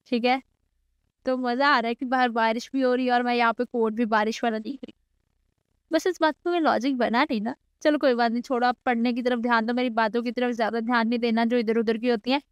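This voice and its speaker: This woman's voice is fairly high and clean, with no echo, as she chats her way through a relaxed screen-recorded coding lesson. She blends English programming terms into Hindi and throws playful jabs at her students.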